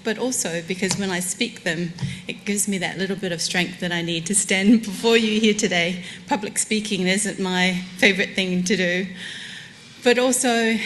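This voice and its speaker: With a medium-pitched voice, a New Zealand woman of Samoan heritage addresses a conference from the lectern in a warm, honest keynote, laughing lightly at herself. The lectern microphone carries a little hiss or hum.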